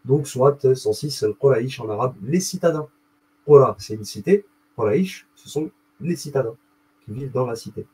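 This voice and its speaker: A man's voice: mid-range voice, animated, moderate pace, mellow, husky, rough recording. A man hosting a video, rambling through a casual explanatory monologue, often checking in with "d'accord?" and spelling out Arabic letters.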